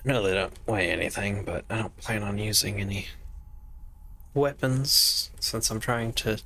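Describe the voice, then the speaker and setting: Gravelly-voiced man streaming a game. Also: on the low side, moderate pace, bright, forceful tone, slight background noise. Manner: rambling, talks to himself while playing. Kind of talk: casual gameplay commentary.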